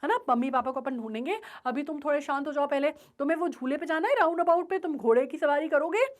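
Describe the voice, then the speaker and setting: A woman's voice: high voice, fast talker, close to an everyday voice. A woman doing a kind man coaxing a lost child. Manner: coaxing, gentle questioning. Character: kind grown man soothing a frightened child.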